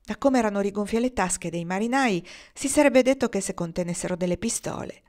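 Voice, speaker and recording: Female audiobook reader, measured literary narration. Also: medium pitch, a little mellow. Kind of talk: novel read aloud.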